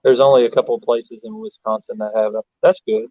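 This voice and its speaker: A man's voice: mid-range voice, lively intonation, quick pace, warm tone, dry recording, dull audio. A man from Alabama, hosting a casual livestream, rambling, laughing often and reading chat aloud. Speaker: livestream host.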